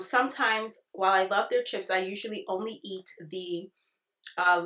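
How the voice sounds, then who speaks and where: A woman's voice: medium pitch, sharp tone. A woman giving a casual product review, chatting directly to her viewers in an informal way. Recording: echoey, roomy sound.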